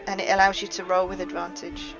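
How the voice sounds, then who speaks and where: A woman's voice: fairly low pitch, little pitch movement, fast talker, creaky. A woman game master explaining and narrating a tabletop game. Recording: dull lo-fi sound with music behind. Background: music.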